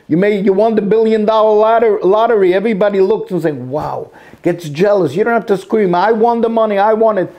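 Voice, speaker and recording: A man giving an impassioned sermon-like monologue in a synagogue, repeating himself with dramatic pauses. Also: high-pitched, mellow. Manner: emotional, repetitive, with dramatic pauses.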